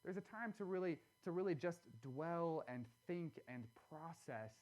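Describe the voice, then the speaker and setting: A man preaching a sermon in a church, conversational and earnest, with animated asides. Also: a little high, unhurried. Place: church sanctuary.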